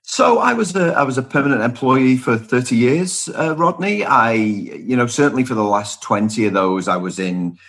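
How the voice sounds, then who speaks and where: A middle-aged man from Liverpool, England, appears as a podcast guest; he is a speaker and author on workplace culture. He answers conversationally with emphatic repeated phrases and lists, speaking at a normal pace with hardly any pauses in an expressive, mid-range voice of fairly bright tone.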